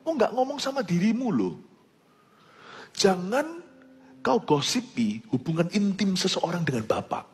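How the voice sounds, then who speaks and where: An Indonesian man preaching a sermon in an animated manner, mimicking the sounds of foreign languages and moving between loud and hushed delivery. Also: high voice, unhurried, long pauses, slightly rough, long reverb tail.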